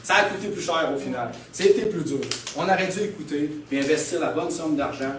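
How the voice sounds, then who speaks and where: A man's voice: a little high, brisk, fairly bright tone, echoey room, far from the mic, slight background noise. A man with a Québécois French accent preaching a sermon as pastor, emphatic, often calling out "Amen?" and laughing. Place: church hall.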